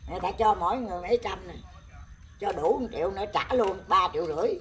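An older woman telling stories in casual chat, animated and exclaiming often. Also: mid-range voice, quick pace. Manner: animated storyteller, laughing and exclaiming. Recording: noisy outdoor recording with animals.

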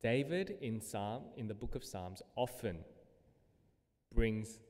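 A man's voice: lowish voice, lively intonation, takes it slowly, a little mellow. Man preaching in a reverberant church. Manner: conversational preaching with fillers, reads scripture aloud with rising emphasis. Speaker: pastor. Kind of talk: sermon. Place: church hall. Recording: long hall reverb.

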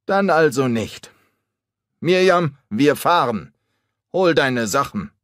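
Male reader doing a hasty, persuasive storybook businessman; lively delivery, dry close recording. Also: mid-range voice, takes it slowly, dry recording, voice pushed up. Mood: curt. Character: pushy middle-aged male businessman in a hurry.

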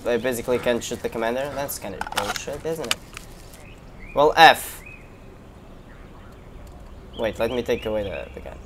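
A man's voice: mid-range voice, a bit bright, slight background noise. A young man giving casual gameplay commentary, reacting and swearing as he talks to himself. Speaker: gamer streamer. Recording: game gunfire behind voice. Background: gunshots and game ambience.

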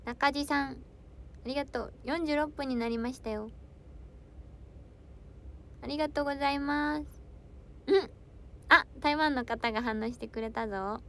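With a high voice at normal speed and long pauses, a young female idol reads viewer comments and banters on her own relaxed livestream. She's giggly and playful, sprinkling in foreign words and bits of dialect.

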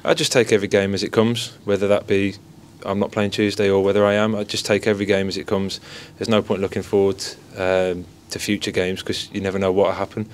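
Soft-spoken young goalkeeper, low voice. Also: male voice, little pitch movement, a little fast, hardly any pauses, slight background noise. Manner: modest, repeats stock phrases. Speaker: football goalkeeper. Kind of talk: post-match interview. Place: indoor press area by sponsor board. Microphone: several handheld mics and phones held close.

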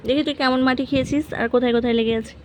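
A woman's voice: high-pitched, fairly even intonation, racing, a little hiss or hum. A woman at home filming her cats on a phone, talking to them in a scolding, teasing way. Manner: scolding, teasing baby-talk to a cat. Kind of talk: casual talk to pet cats. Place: home indoors.

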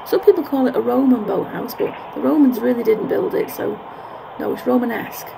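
Walking through a park, a woman vlogger muses casually and corrects herself along the way, speaking a little high and a little fast. The recording comes from a handheld camera's built-in microphone outdoors, with clear park noise in the background.

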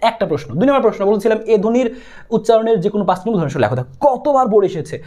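A young man with a Bangladeshi Bengali accent, teaching an exam-prep grammar lesson in a quick, insistent way that keeps repeating the key points. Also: sits high, big pitch swings, a little mellow. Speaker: tutor.

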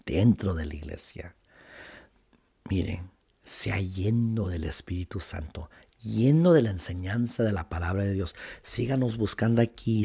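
Gravelly low-voiced man preaching. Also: mellow. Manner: fervent preaching, appeals to viewers. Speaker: pastor and show host. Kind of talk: sermon.

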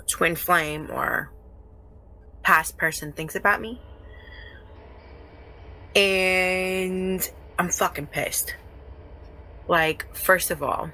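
A woman's voice: bright, forceful tone, slight background noise. Angry swearing woman ranting on a livestream. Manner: angry, heavy swearing, greets chatters by name; keeps her voice low. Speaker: livestream host.

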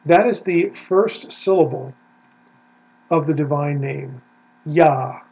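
Scholar lecturing over a screen share, methodical and explanatory, slightly high, husky voice, lo-fi recording. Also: male voice, slow pace, a little mellow. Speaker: Bible scholar teaching Hebrew. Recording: dull lo-fi sound with faint hum.

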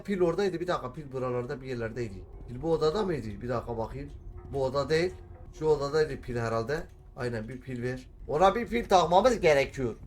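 Bir oyunu oynarken bulmacaları kendi kendine çözen, zaman zaman heyecanla bağıran bir adam; oyun yorumu yapıyor. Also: medium pitch. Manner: talks to himself while solving puzzles, bursts into shouting. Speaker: gamer. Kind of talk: let's play commentary.

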